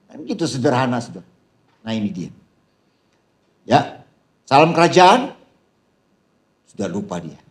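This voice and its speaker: Animated male preacher at a seminar. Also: fairly low pitch, normal speed, long pauses. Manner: animated preaching, big shouted punchlines and laughter; addresses the crowd as "Saudara", calls out "haleluya". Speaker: pastor. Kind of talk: seminar sermon.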